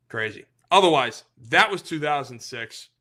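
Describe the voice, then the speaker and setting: A man hosting a sports podcast, ranting as an opinionated fan in a casual, animated way. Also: on the high side, slow pace.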